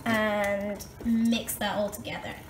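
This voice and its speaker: Speaking slowly in a mid-range voice with little pitch movement, a young Scottish woman chats brightly to camera as she cooks. She's a student vlogger making a casual cooking video in a small kitchen. The handheld-then-propped camera mic picks up echo and faint background noise.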